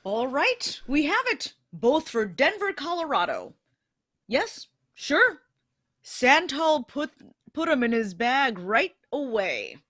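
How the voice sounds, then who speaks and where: A woman's voice: high voice, sing-song, slow pace, fairly bright tone, no echo, exaggerated voice. A woman playing a jolly old male Santa Claus taking phone orders, cheerful and chuckling in a live radio-play reading.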